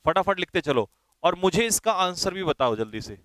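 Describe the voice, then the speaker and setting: A man teaching a vocabulary class, brisk and directive, spelling words out letter by letter and urging students to write fast. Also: high voice, expressive, fairly bright tone, no echo.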